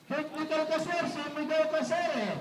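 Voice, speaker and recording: A Visayan man calls an amateur basketball game inside a gym, his very high-pitched voice moving at normal speed through a far-off, echoing PA. He stays courteous and playful with players and coaches, using "sir" and "po," amid a noisy crowd and game sounds.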